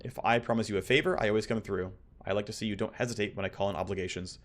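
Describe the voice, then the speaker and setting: A man's voice: on the low side, fairly even intonation, very fast, natural voice. A man reading the game dialogue of a hard, businesslike crime boss, blunt and commanding. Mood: demanding.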